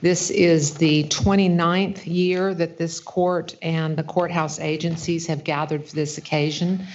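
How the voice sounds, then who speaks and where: A woman's voice: deep voice, little pitch movement, unhurried, darkish tone, muffled recording. A woman judge presiding as host, giving a formal welcome speech at a ceremony.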